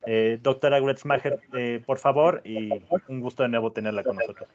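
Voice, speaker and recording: A man moderating a webinar in a polite, semi-formal way, hesitating often with filled pauses. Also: medium pitch, steady tone. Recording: dull lo-fi online audio.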